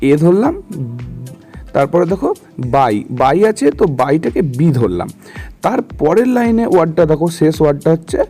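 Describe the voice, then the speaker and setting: A man's voice: fairly high pitch, warm tone. A man teaching a literature lesson, explaining step by step and often checking that students follow. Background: faint background music.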